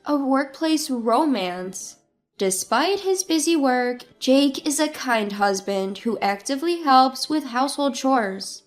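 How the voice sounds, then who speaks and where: High-voiced woman narrating a story. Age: 30s. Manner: calm, measured telling. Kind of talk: scripted first-person story narration.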